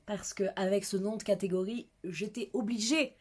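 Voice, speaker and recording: A woman's voice: medium pitch, steady tone, moderate pace, breathy edge. A young woman chatting casually about her reading pile, giggly and self-mocking as a book vlogger. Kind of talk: casual book haul chat.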